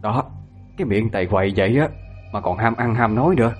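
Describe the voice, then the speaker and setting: A man with a Southern Vietnamese accent playing a bossy older mother who scolds in a brisk, nagging way. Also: lowish voice, faint music behind, natural voice. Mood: scolding.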